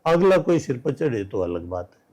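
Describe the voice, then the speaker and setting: A man's voice: mid-range voice, sing-song, moderate pace, a little mellow. An older man from Haryana, a guest telling stories in a casual interview chat. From Haryana, India. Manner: storytelling, acting out quoted dialogue. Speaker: guest writer.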